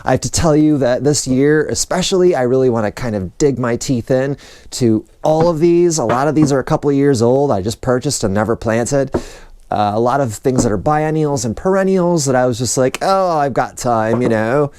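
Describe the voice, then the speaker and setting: A man's voice: medium pitch, brisk, dark tone, no room sound. Chatty man with a dry close sound. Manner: chatty, digressive, enthusiastic. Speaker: gardening vlogger. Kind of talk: casual vlog talk. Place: outdoors in a snowy garden for part.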